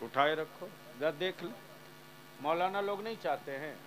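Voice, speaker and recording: A man preaching a sermon to a large gathering, swinging between soft passages and loud fiery shouts, and calling on the crowd to answer aloud. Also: on the high side, measured pace, slight background noise. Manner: talks directly to the audience, asking them to answer aloud. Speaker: Islamic preacher.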